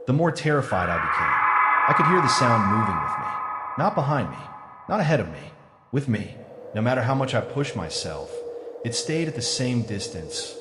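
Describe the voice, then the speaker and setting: A man narrates a scripted first-person horror story in a dramatic, suspenseful way with deliberate pauses. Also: lowish voice, very noisy.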